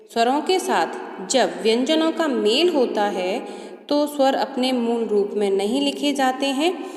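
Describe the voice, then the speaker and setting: A woman's voice: fairly high pitch, darkish tone, roomy sound, big-room sound. A woman teaching a grammar lesson to children, drawing out sounds and asking her pupils questions. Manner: slow, drawn-out syllables, asks pupils questions.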